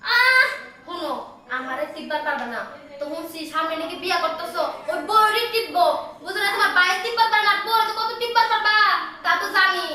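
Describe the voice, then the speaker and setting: A young woman playing a bold, sharp-tongued wife of a man working abroad in a comic skit, recorded from far off in an echoey room. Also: very high voice, lively intonation, fairly quick, heavily acted. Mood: teasing, mocking. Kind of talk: comic village skit acting.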